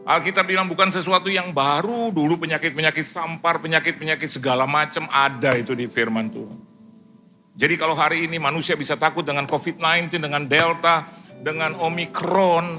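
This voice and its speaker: A middle-aged Indonesian man preaching a sermon, animated, acting out dialogue in lively quoted voices. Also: on the high side. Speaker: pastor. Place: church service.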